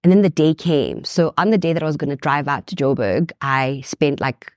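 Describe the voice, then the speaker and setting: A woman's voice: low-pitched, lively intonation, moderate pace, no room sound, clean studio sound. A woman guest telling a painful personal story in a heartfelt way. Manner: heartfelt, reliving painful memories.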